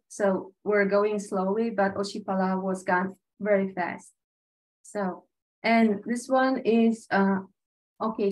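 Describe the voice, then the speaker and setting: Speaking over a video call for an online panel presentation with slides, a woman from Tajikistan earnestly describes her teaching exchange experience in a conversational way, using many fillers. Her voice is mid-range and a little mellow, and the recording quality is low.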